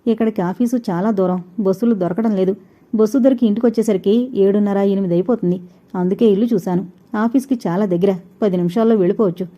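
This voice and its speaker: A woman voicing a young working woman in a storybook reading, speaking calmly and reasonably. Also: medium pitch, quick pace, natural voice.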